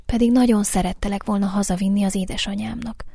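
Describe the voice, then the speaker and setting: Egy nő, aki egy kíváncsi, kedves kislányt szólaltat meg csodálkozó hangon, mesében. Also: female voice, medium pitch, fairly even intonation, vocal fry, dark tone, breathy edge, no room sound, studio quality. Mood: curious. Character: curious, gentle little girl.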